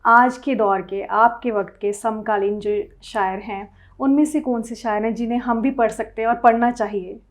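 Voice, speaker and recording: Polite woman interviewer, slightly high. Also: fairly even intonation, moderate pace. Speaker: interviewer, host. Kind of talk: interview questions.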